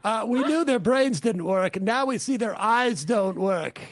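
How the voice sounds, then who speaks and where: A man's voice: high-pitched, lively intonation, unhurried. A man co-hosting, joking and mocking as he reacts to a clip. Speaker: co-host. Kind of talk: casual commentary on a clip.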